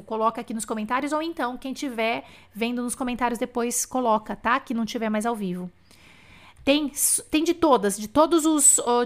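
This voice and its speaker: A woman who teaches French on a live stream, chatting casually as she reads out viewers' comments and slips into French phrases. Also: a little high. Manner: chatty, reads comments aloud, switches between Portuguese and French.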